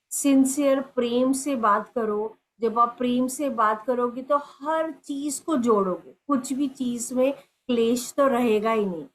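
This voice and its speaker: A middle-aged woman giving a gentle spiritual talk as a meditation teacher, slow and teacherly, full of everyday examples. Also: a little high, a little hiss or hum, low-quality recording. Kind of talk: spiritual talk mixing Hindi and English.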